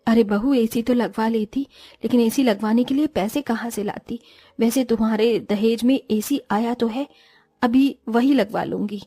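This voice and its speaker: A woman's voice: on the high side, normal speed, warm tone, dry recording. A woman voicing a stingy, bossy middle-aged mother-in-law in a cartoon story, with a grumbling way of talking.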